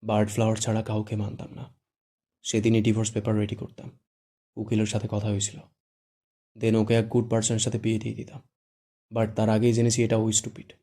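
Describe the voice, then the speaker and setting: A man voicing a stern, possessive young man who answers gravely in curt, deadpan lines, read as audiobook dialogue. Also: fairly low pitch, fairly quick, pauses often.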